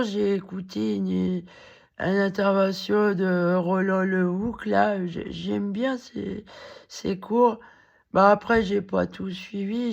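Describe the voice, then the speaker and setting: The recording is muffled as a woman vlogger speaks to the camera in a cracked, hoarse voice of mid-range pitch. She rambles haltingly, often restarting and leaning on fillers.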